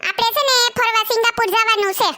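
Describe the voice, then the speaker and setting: A woman's voice: very high-pitched, fairly even intonation, fast talker, bright, forceful tone, slight background noise. A woman playing a nagging young wife who scolds and complains sarcastically, speaking. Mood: scolding.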